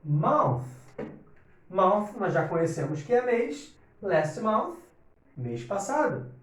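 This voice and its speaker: Man, English teacher, native Portuguese speaker, high lively voice, explains step by step, roomy sound from a distance. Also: takes it slowly. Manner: animated, explains step by step, checks in with "ok?". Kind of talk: online English lesson. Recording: echoey room, distant from mic.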